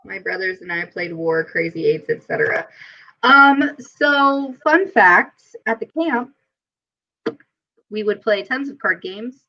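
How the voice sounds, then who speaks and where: A woman's voice: mid-range voice, expressive, slow pace, bright, forceful tone. A woman hosting a casual livestream chat, giggly and talkative, reading viewer comments aloud. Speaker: livestream host. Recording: dull lo-fi stream audio.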